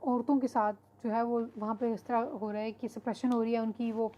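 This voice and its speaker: A woman's voice: a little high, level tone, moderate pace, mellow. A woman teacher giving an online lecture, explaining steadily and mixing English terms into her speech with frequent fillers.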